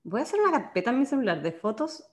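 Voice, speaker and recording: A woman's voice: a little high, sing-song, racing. Teasing, enthusiastic young Chilean woman. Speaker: podcast co-host. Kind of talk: casual chat.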